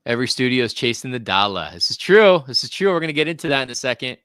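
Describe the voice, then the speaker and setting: Bright-voiced joking podcast host, a man. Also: medium pitch, very animated, fast, smooth, dry recording, clean studio sound. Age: 40s. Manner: joking, reads viewer comments aloud. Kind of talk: casual live-stream chat.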